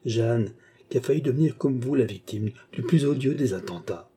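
A man's voice: mid-range voice, lively intonation, normal speed, mellow, breathy edge. A man voicing a scheming baronet villain who poses as a kind benefactor, talking in an earnest, persuasive way in a French audiobook novel.

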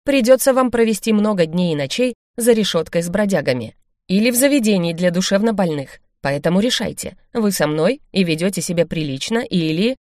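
A woman's voice: medium pitch, animated, fairly quick, a little mellow, no echo, clean studio sound, close to an everyday voice. A woman reading as a stern scheming baron. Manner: firm, commanding.

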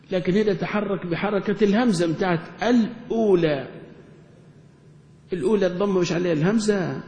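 A man leads a grammar class, asking question after question and answering them himself. His voice sits fairly high and carries through a roomy hall with a long echo. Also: a little mellow. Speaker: Arabic grammar teacher. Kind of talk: classroom lesson explaining grammar. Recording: echoey hall recording.

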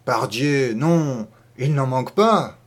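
A man voicing a slow, ponderous old peasant farmer in a storybook reading. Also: medium pitch, lively intonation. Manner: slow and deliberate. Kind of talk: audiobook character voice.

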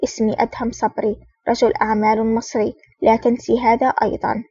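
A woman reading the lines of a stern, terse male secret agent in a curt, commanding manner, in a fast, flat reading voice. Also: on the high side, breathy edge, dry recording. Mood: serious. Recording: dull, distant, dry recording.

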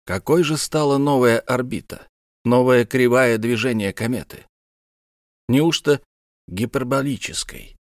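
Man voicing an earnest, low-spoken navy lieutenant. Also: no echo, studio quality, close to an everyday voice. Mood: probing. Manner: probing, measured questions.

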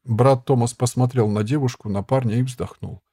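A man narrating an audiobook in a measured, even storytelling manner. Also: mid-range voice, husky, no echo, clean studio sound. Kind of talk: audiobook reading.

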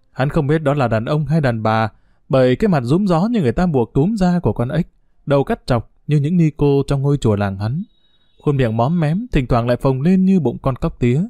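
A man narrating a story in a steady storytelling manner. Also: mid-range voice, no room sound, studio quality.

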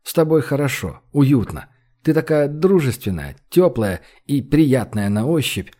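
A weary young man talks low and softly, as a male audiobook reader plays him. His voice is subdued and gentle. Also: very animated, unhurried. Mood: coaxing. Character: tired, tender young man, sleepy teammate.

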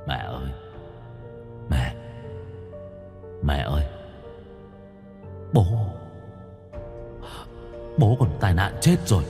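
A ghostly spirit in a spoken horror tale, deep and hollow, calling out low and quiet in a drawn-out voice, as a male narrator puts it on. Faint music lingers underneath. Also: very animated, gravelly, big-room sound, full character voice. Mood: eerie. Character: eerie spirit with a deep booming echoing voice.

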